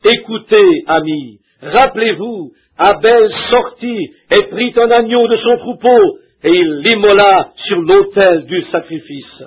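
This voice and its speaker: A man's voice: high-pitched, expressive, slow, few pauses, slightly rough. A man delivering a sermon in a fervent, pleading preaching manner. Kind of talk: French dubbed reading of a sermon. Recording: tinny, narrow lo-fi tape sound.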